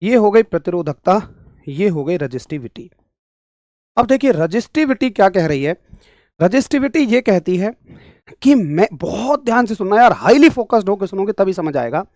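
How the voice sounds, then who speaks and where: A man's voice: high-pitched, sing-song, moderate pace, a little mellow, no room sound, clean studio sound. A young man teaching an online exam-prep physics class, talking straight to his students, repeating points and pressing them for answers. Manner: talks straight to students, scolding then explaining; emphatic, repeats points, asks for yes or no.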